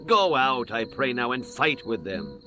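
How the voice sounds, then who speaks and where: Guy doing a mocking bible-times city ruler, forceful bright voice, slow old-timey taunts, faint music. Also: mid-range voice, big pitch swings. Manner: slow, mocking, archaic diction. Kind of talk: dramatized scripture reading.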